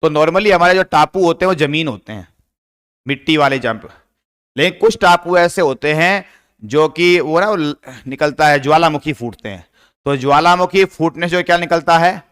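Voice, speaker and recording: A man's voice: fairly high pitch, normal speed, a bit bright, clear, resonant tone. A man teaching a poem in a lesson, asking his class questions and then answering them himself. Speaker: English literature teacher.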